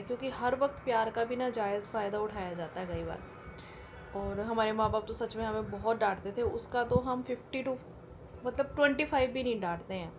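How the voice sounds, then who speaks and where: Chatty Indian mom vlogging at home. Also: female voice, fairly high pitch, a little hiss or hum. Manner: chatty, addresses viewers directly as "bhai". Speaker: vlogger, mother. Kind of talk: casual vlog chat. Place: home kitchen.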